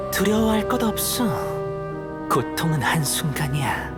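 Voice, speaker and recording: Man playing a contemptuous puppet god; slow, lively swings of pitch over loud score. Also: natural voice. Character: cold, scornful young male puppet god. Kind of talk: dubbed game cutscene acting. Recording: loud music under the voice.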